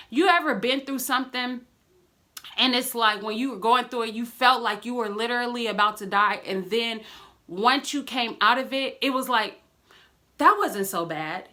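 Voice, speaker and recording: A young woman talking casually in a vlog, telling a story with lively acted-out quotes and encouragement. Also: a little high. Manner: animated storytelling, acts out quoted friends. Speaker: vlogger.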